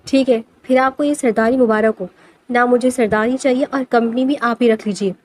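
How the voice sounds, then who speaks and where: A woman's voice: on the high side, fairly even intonation, dry recording, natural voice. A woman voicing a frustrated young man who refuses his family's inheritance, speaking in a protesting way in a storybook reading. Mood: frustrated defiant. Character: young man, heir, fed up and defiant.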